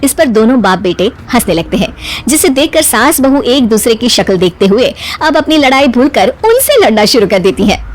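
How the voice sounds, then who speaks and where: A woman's voice: on the high side, sing-song, normal speed. A woman narrator reading a scripted comic cartoon story as storytelling.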